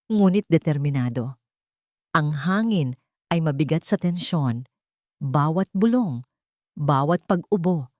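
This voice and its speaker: With a Filipino accent and a voice pitched a little low, a woman audiobook narrator performs a scripted drama theatrically, her delivery moving in lively swings. The sound is very dry.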